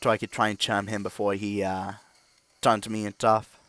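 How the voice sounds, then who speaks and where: A man hosting a gaming channel who gives rambling, filler-heavy video game commentary and gets excited and loud at times. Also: lowish voice, moderate pace, dry recording.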